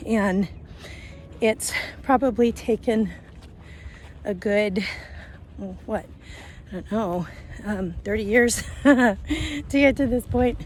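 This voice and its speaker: A woman's voice: medium pitch, a little mellow. Woman in her fifties, mid-range voice, a little out of breath, rambling casual chat, outdoors with faint background noise. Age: 50s. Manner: chatty, rambling with fillers and self-corrections. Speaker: vlogger. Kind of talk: casual walk-and-talk vlog. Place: outdoors in a grassy field. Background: faint traffic and a passing airplane.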